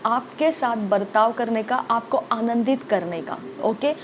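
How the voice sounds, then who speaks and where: High-voiced woman preaching a sermon. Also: measured pace, slight background noise. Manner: repetitive exhortation, frequent "okay?" checks.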